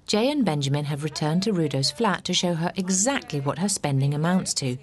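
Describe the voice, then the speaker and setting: A woman doing scripted documentary narration in a measured, wry way. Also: low voice, expressive, slightly rough.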